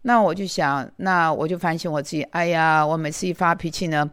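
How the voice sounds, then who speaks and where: A woman's voice: low-pitched, fairly quick, fairly bright tone, dry recording, clean studio sound. A woman in her sixties preaching in a conversational way, telling a personal story with many fillers and repeated words. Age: 60s. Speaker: lay preacher. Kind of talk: testimony sermon.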